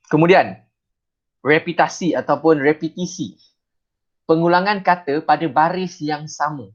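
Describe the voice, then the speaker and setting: A male teacher with a Malaysian Malay accent, giving a chatty classroom lesson and reciting sample verse lines slowly. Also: a little high, lo-fi sound.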